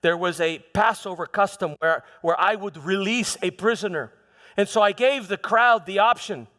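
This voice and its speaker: A man playing Pontius Pilate as a proud, tormented Roman governor in an impassioned, halting theatrical monologue. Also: high-pitched, pushed and bright. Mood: bitter, incredulous. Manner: impassioned, halting, dramatic, with stammered repeats. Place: large church hall. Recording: reverberant hall with music.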